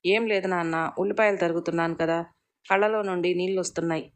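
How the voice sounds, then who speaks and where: A woman's voice: fairly low pitch, fairly even intonation, quick pace, lightly acted. A woman voicing a caring young mother and daughter-in-law who speaks politely and turns firm when scolding.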